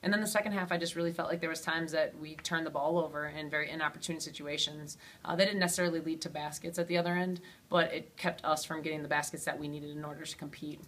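A woman head coach answering postgame questions in a steady way, with frequent ums and you-knows. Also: deep voice, quick pace, hardly any pauses. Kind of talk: postgame interview.

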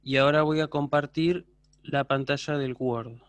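A man's voice: on the high side, steady tone, moderate pace, no room sound. A man teaching a university class online, explaining patiently and often checking that students follow. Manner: patient, explanatory, checks understanding with frequent questions.

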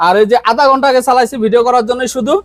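A man with a Bangladeshi Bengali accent selling used fridges in his shop, reeling off prices in a fast, insistent haggling patter. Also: extremely high pitch, steady tone, a crowd in the background. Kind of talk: rapid sales pitch, counting prices down.

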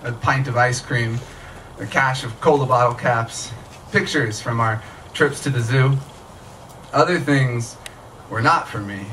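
A man in his thirties, an author, reads his own short fiction aloud in a conversational storytelling style on a small outdoor tent stage at night. His voice is medium-pitched, a bit bright and unhurried. A camera in the audience caught him on a stand microphone, so the sound is distant and the live event is noisy.

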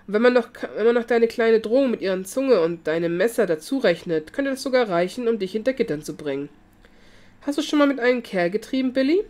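A woman's voice: fairly high pitch, lively intonation, a little fast, darkish tone, voice pushed up, lightly acted. A woman reading the lines of a brutal, coolly menacing male police detective in a taunting manner.

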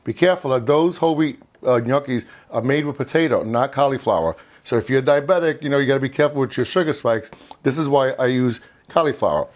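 An animated cooking show host in his fifties rattles quickly through an informal demonstration in his home kitchen, his pitch typical for a man. Chatty by nature, he keeps circling back to repeat and rephrase what he's said, all captured on a lapel mic.

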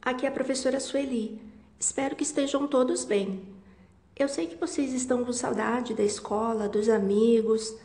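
A woman teacher, giving a home-recorded reading lesson to young children and sounding out syllables slowly and clearly. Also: on the high side, warm tone. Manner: slow, clearly syllabified speech to young pupils. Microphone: home-recorded video.

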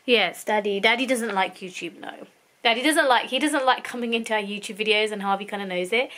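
A woman's voice: medium pitch, brisk, fairly bright tone. A woman in her thirties, feeling unwell with sore tonsils, chatting casually to a handheld camera in her bedroom, rambling between plans and minding her son. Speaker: vlogger. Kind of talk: casual vlog chat. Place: bedroom, indoors. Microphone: handheld camera at arm's length.

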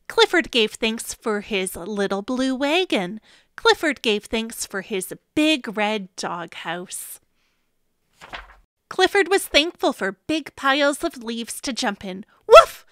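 A woman reading a children's picture book aloud to young listeners, with expressive, playful storytelling. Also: fairly high pitch, slow, smooth, no room sound, studio quality. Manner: gently addresses young listeners. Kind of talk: children's read-aloud narration.

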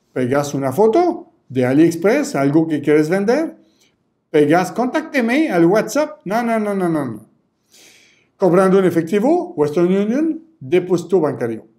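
Lively man teaching online sales. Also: high-pitched. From Canada. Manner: repetitive, acts out customer chats in voices. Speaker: online course instructor. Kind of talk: energetic sales lesson.

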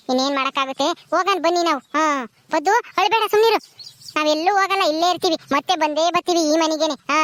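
A woman voicing a kind, patient sister-in-law in a cartoon, speaking gently and comfortingly. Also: high-pitched.

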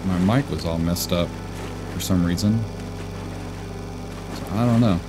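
A man with a sick, rough voice, rambling casually and thinking aloud while he plays a game. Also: low voice, measured pace, background noise. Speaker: gaming YouTuber. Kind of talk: casual gameplay commentary. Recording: game music playing behind. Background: game music.

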